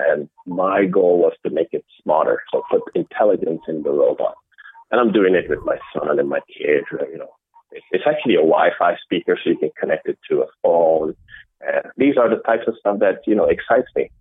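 A middle-aged man from the Netherlands answering interview questions in a measured way, often restarting his sentences. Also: rumbling low, breathy edge, no echo. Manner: measured, with frequent restarts and fillers. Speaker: interview guest, innovation executive. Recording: dry, tinny phone-like call audio.

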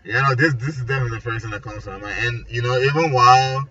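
This Nigerian architecture graduate in his twenties talks very fast in a mid-range voice that's pushed and bright with a breathy edge. Casual and conversational, he fills his talk about his background and creative work with "like" and "you know," recorded by a distant, muffled mic in noisy ambience.

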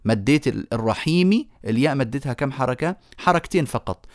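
A man teaching a remote lesson on Quran recitation rules. He explains step by step, asks his students questions and chants verse examples slowly. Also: mid-range voice, animated, dry recording, clean studio sound. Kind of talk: remote lecture on tajweed.

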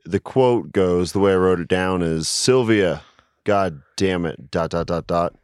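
A young man telling a funny story in relaxed casual chat with friends. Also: sits low, clear, resonant tone, no echo, clean studio sound. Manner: slow, laid-back storytelling with laughs.

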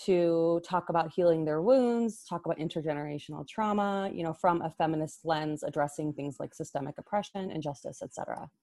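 Thoughtful woman guest, low-pitched voice. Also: fairly quick, hardly any pauses, mellow. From Chicago suburbs, USA. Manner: thoughtful, laughs easily, many "um" and "like". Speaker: podcast guest, library director. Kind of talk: casual podcast interview.

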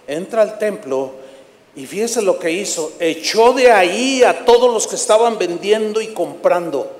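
A man with a high voice preaches to his church, storytelling with animation and mimicking worshippers' shouts. His words carry through a large, echoey sanctuary with a long ringing tail. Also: lively intonation, unhurried. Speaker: pastor. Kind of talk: sermon.

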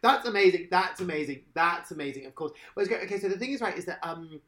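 A man in casual podcast chat, rambling and animated, swearing now and then. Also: high-pitched, fast.

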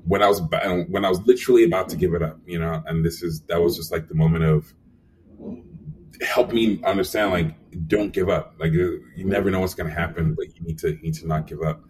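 A young man telling lively stories as a guest in a casual interview, acting out quotes with lots of fillers. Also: low-pitched, brisk, recorded from a distance, a little hiss or hum. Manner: animated storyteller, acts out quotes, frequent fillers. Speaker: animation supervisor guest.

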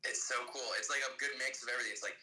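Casting: young male podcast co-host, sharp bright voice, quick casual delivery. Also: medium pitch, fairly even intonation, faint music behind. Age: young adult. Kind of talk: casual chat between friends.

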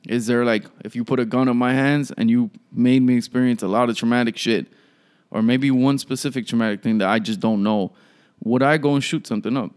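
A man's voice: mid-range voice, steady tone, brisk, darkish tone, clean tone. A young man, ranting casually and profanely as a podcast host, full of "like" and "yo.". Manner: profane, rambling, frequent "like" and "yo".

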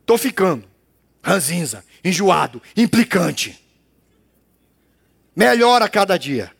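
A male pastor preaches in a playful, teasing, conversational way. His voice sits very high and swoops up and down. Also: big pitch swings, slow, vocal fry, husky. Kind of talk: sermon.

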